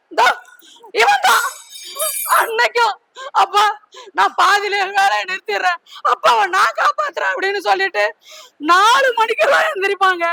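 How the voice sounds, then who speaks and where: A woman's voice: very high-pitched, creaky, dry recording, full character voice, poor audio. An actress playing a middle-aged mother who scolds her family through tears, defending her transgender child. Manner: scolding while crying and shouting. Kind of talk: family drama acting.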